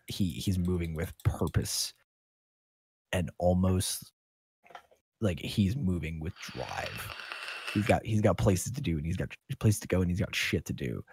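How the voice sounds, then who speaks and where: Deep, husky-voiced game master. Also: male voice, dry recording. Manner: casual, rambling, joking, swears. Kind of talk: narrating a tabletop game.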